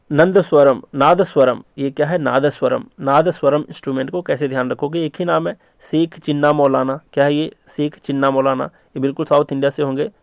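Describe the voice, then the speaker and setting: A man's voice: on the high side, vocal fry, no room sound. A man teaching exam-prep memory tricks, repeating key words and quizzing his listeners with short questions. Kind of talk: mnemonic lesson for students.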